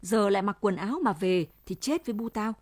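A woman voicing a frightened twenty-year-old village man, hesitant and rough-spoken, in a dry recording. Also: mid-range voice, a little fast, dry recording, natural voice. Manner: scared, hesitant, rough familiar speech.

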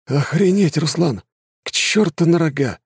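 A man's voice: a little high, animated, measured pace, vocal fry, slightly rough, no room sound, studio quality, pitched above the performer's own voice, exaggerated voice. A male narrator voicing a down-to-earth adult male conscript who talks in casual, blunt banter. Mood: chatty. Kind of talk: audiobook narration with voices.

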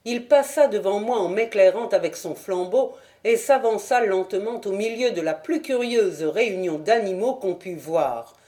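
Mellow-voiced woman reading an audiobook. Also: mid-range voice, normal speed, hardly any pauses. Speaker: audiobook reader. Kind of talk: scripted narration.

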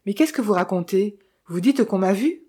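A young clerk playing detective, thrown into confusion and firing off anxious questions, voiced by a woman reading the book. The tone is mellow and slightly breathy. It is an audiobook character voice. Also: mid-range voice, lively intonation, normal speed. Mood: bewildered. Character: young male clerk, bewildered amateur sleuth.

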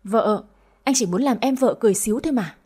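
A woman voices a cheerful young husband who jokes and teases in an audio story. He stays polite and easygoing. The voice is mellow and husky. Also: on the high side, a little fast. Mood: joking. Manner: playful, polite.

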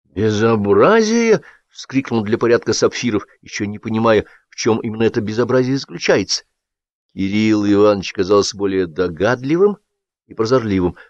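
A man's voice: fairly low pitch, a little fast, a little mellow, no room sound, muffled recording. A man narrating a satirical story in a dry, ironic manner. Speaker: audiobook narrator.

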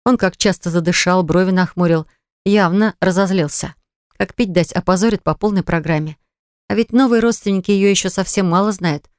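Woman audiobook narrator, lowish and clear, measured reading, dry close studio sound. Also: no echo. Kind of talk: scripted narration.

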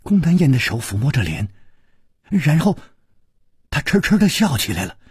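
A man narrating a story for radio in a dramatic, expressive storytelling style. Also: fairly high pitch, moderate pace, slightly rough, no room sound, clean studio sound.

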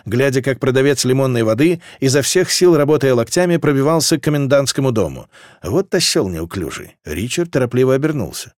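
A man narrating a fantasy novel as an audiobook, in an expressive, dramatic reading. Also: medium pitch, no room sound, clean studio sound.

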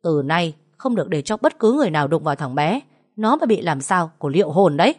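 A woman's voice: on the low side, animated, fairly quick, close to an everyday voice. A woman voicing a spoiled, scornful rich young wife who scolds shrilly. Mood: furious.

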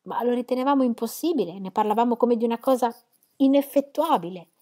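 A woman voicing a gentle, kind young woman, an affectionate elder sister, with warm, eager exclamations. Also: on the high side, quick pace, pitched above the performer's own voice, lightly acted. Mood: earnest. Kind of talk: audiobook character reading.

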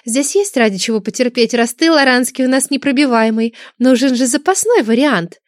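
A woman reads an audiobook, voicing a haughty, mercenary young dragoness with an airy, scornful, dismissive manner. Her high voice is animated and a little fast. The recording is studio quality with no echo.

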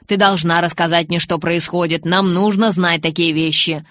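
A woman's voice: lowish voice, steady tone, normal speed, fairly bright tone, no echo, studio quality, natural voice. A woman reading as a sulky teenage boy. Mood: earnest. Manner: pleading, then moping and pressing.

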